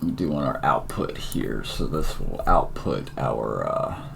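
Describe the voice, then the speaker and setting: A man's voice: extremely low pitch, very animated, measured pace, vocal fry, noisy background. A tired man thinking aloud with many fillers as he walks through a coding tutorial, a yawn never far off. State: tired and yawning. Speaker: tutorial presenter. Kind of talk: casual screen-recorded coding tutorial.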